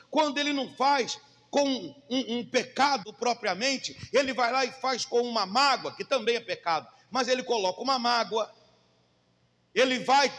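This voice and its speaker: A man preaching a sermon in a high, ringing voice. He presses his points with rhetorical questions to the congregation, and his words trail off into the long reverb of a large church hall. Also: a bit bright. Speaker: pastor.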